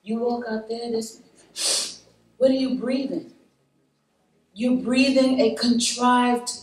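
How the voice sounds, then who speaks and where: A woman speaking to a live roundtable group, animated and preachy, laughing often and calling out to her audience. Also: medium pitch. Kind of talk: spirited talk to a live group. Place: meeting room with an audience. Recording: echoey room, voice from far off.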